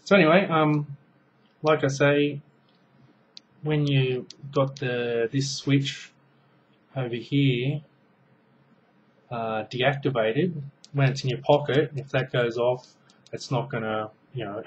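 Slow, rambling man on a lo-fi webcam. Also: medium pitch, fairly even intonation, slight background noise. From Australia. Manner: rambling, many ums and restarts, hands busy with gadget. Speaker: product reviewer. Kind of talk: casual show-and-tell review. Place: small room indoors at home. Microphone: webcam mic at close range.

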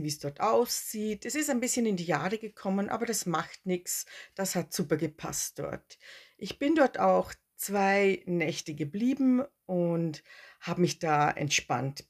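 A woman in her forties narrating her motorcycle trip in a relaxed, chatty way, with fillers and restarts. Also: fairly low pitch. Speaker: motorcycle travel vlogger. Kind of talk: casual travel narration.

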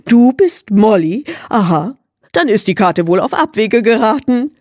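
A brash, self-important hermit woman, put on by a female audiobook reader who talks nonstop and snaps at anyone who interrupts. Her pitch is raised and swoops widely, bursting into brusque exclamations. The sound is dry and close, with no room around it. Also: lively intonation, darkish tone, no echo. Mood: offhand. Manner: rapid boastful chatter, brusque outbursts. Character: loud boastful eccentric woman hermit, brusque. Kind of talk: audiobook character voice.

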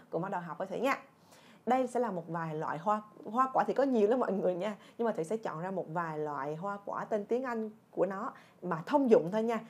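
A breathy, bubbly young woman runs a cheerful language lesson for kids and parents. She repeats each word over and over with playful enthusiasm, her voice sitting in a middle pitch with a soft, airy edge. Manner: playful, bursts into high "ta-da!" reveals, drills words in repetition. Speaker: English teacher, channel founder.

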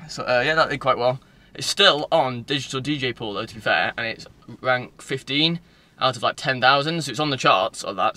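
His voice is medium in pitch with a sharp tone: a man in his twenties from the North of England, loosely vlogging and drifting between topics. The phone he records on is at arm's length inside a car, picking up faint background noise from the interior.

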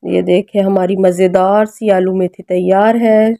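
Woman, Pakistani Urdu accent, casual home cooking vlog, chatty and pleading with viewers, mellow tone, dry close phone sound. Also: medium pitch, level tone, measured pace, gravelly, no echo. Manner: chatty, keeps addressing viewers with requests. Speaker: family vlogger and mother. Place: home kitchen and family room.

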